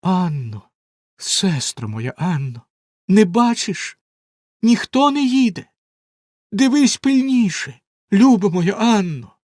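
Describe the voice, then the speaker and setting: A man's voice: high-pitched, unhurried, dry recording, clean studio sound, pitched above the performer's own voice. Desperate young wife voiced by a man. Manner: raised, pleading, tearful tone.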